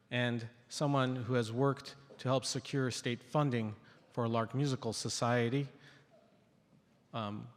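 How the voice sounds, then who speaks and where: A man, a mayor, briskly introducing the next speaker from the stage. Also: medium pitch, fairly bright tone. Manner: brisk, announcing. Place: large indoor theater. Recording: theater hall with audience.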